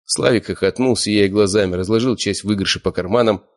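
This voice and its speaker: A man narrating an audiobook in the first person, steady and smug. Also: fairly low pitch, a little fast. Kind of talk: scripted narration.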